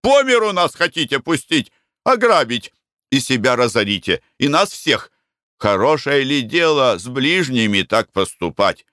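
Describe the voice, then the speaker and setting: A crafty older merchant with a temper, blustering one moment and wheedling the next, as a male narrator puts him on. The voice swings widely in pitch and sits close and dry. It carries a storybook flavour. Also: sing-song, unhurried, sharp tone, no room sound. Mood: outraged shouting. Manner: blustering, sly. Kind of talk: audiobook character reading.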